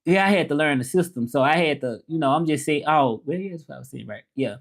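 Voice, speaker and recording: With a Memphis Southern American accent, this livestream host talks fast and expressively in a high, creaky voice. He chats informally about learning languages and reads out comments, rambling loosely and going over the same points again.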